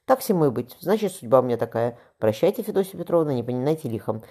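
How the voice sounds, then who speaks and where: A man's voice: medium pitch, sing-song, quick pace, mellow. A man voicing a cunning, ruthless cossack ataman who pleads in a honeyed, mournful way. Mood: pleading.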